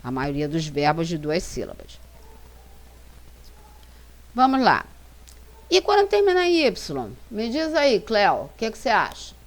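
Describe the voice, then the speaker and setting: A Brazilian woman with a Brazilian Portuguese accent, an English teacher narrating a slide lesson and reading example sentences slowly and carefully. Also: medium pitch, wildly swooping pitch. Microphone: voice-over for slides.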